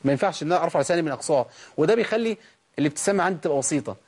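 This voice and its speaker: A man with an Egyptian Arabic accent teaching a tajweed lesson, who asks questions, answers them himself, and drags out letter sounds slowly to demonstrate them. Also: on the high side, lively intonation, darkish tone, husky. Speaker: Quran recitation teacher.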